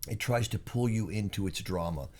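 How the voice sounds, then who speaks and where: Low-voiced older man telling easy stories. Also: moderate pace, a little mellow. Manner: easygoing, rambling storyteller. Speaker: co-host. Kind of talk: casual chat. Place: in bed on vacation.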